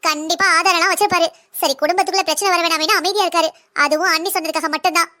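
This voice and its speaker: Woman voicing a sharp-tongued young daughter-in-law. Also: extremely high pitch, steady tone. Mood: defiant. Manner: fast, blunt and lecturing. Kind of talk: cartoon drama voice acting.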